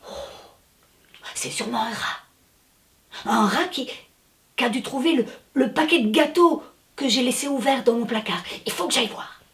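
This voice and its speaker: A woman voicing a small, excitable, frightened little girl in a children's story, high and rushed. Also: far from the mic, close to an everyday voice. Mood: wary hushed.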